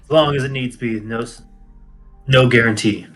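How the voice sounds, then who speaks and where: A man's voice: mid-range voice, moderate pace, a bit bright, soft background music. A man voicing a curt ranger, choppy cutting-out audio. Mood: blunt. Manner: terse, clipped orders. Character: curt male ranger instructor, blunt and businesslike. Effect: choppy online call audio, words cut off at the ends. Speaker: game master. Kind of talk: voicing a character in an online tabletop game.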